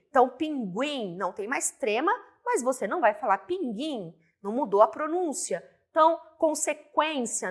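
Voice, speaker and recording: Brazilian woman teacher, slightly high voice, walks through grammar rules step by step, keeps checking in with the class. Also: fairly bright tone. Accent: Brazilian Portuguese. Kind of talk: online grammar lesson.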